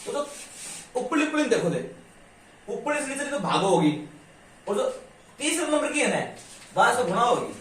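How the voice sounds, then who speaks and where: A middle-aged man teaches maths, his fairly high voice asking again and again whether the class is following. He is picked up from well across a bare, echoing classroom with a faint hiss underneath. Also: sing-song, normal speed, long pauses, a bit bright. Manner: patient, checks understanding constantly with "ठीक है?"; slips into rural dialect endings. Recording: echoey room, mic far off, faint hiss.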